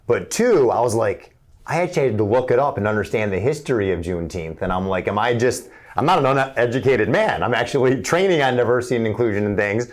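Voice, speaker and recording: A man's voice: mid-range voice, lively intonation, quick pace. A man on a business panel chatting and telling self-deprecating anecdotes. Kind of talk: casual panel discussion.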